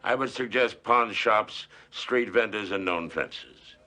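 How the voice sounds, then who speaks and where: A gruff, bossy old prosecutor. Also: male voice, lowish voice, slow, bright, forceful tone, full character voice. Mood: commanding. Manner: exasperated, curt, bossy. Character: veteran district attorney, older man, gruff and imperious. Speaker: district attorney.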